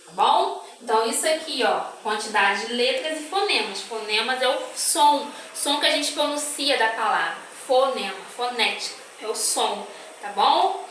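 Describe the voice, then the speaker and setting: A woman's voice: a little high, fairly bright tone. A Brazilian woman teacher explaining a lesson patiently to young children, drawing out her words and checking in often. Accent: Brazilian Portuguese. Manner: patient, drawn-out syllables, checks in with "tá?". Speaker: primary school teacher. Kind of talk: slow, careful classroom explanation. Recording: echoey room, far from the mic, faint background noise.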